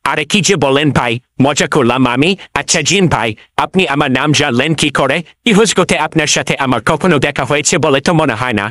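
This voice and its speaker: Cartoon trickster mullah, male actor: highish, bright forceful voice, playful, boastful, wheedling. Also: a little fast, no room sound, studio quality, natural voice. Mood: wary, joking. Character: cheeky, self-assured male folk trickster mullah.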